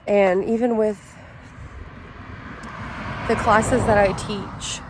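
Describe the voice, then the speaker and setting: A woman with a slightly raspy voice, chatting casually to camera as a vlogger. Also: mid-range voice, steady tone, drawn-out words. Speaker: vlogger hosting a week-in-my-life video. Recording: clear background noise, ambience.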